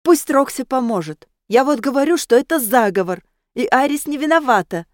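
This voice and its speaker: A loud, tipsy schoolgirl who argues hotly and won't back down, as a woman reader puts her on. The voice is pushed up and forceful in a dry, close storybook reading. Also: high-pitched, animated, moderate pace, no room sound, pitched above the performer's own voice. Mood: indignant. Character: tipsy, hot-headed teenage girl dressed as ghost.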